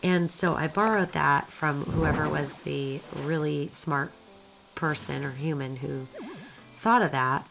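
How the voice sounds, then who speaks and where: Woman with a hoarse smoker's rasp. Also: sits low, fairly even intonation, slow, loud music behind the voice, low-quality recording. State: hoarse from a recent illness. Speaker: video creator narrating game footage. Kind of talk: casual gameplay commentary.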